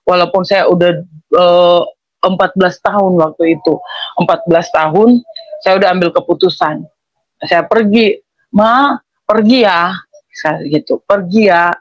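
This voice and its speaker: A woman's voice: on the low side, moderate pace, long pauses, no echo, dull audio. Rambling woman telling her story. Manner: rambling, with frequent self-corrections and restarts; acts out quoted dialogue with family. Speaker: person giving a religious testimony. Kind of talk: personal testimony, casual storytelling.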